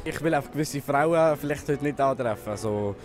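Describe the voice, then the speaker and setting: Young guy in a street interview, bit sheepish and halting, music behind him. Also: medium pitch. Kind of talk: casual street interview answers.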